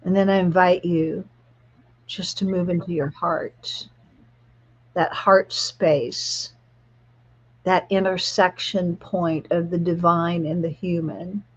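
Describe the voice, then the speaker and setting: A woman spiritual guide leading a guided relaxation meditation in a soft, soothing, spa-like manner. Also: fairly low pitch, fairly even intonation, breathy edge, dull audio. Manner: soft, soothing, slow-paced spa-like delivery.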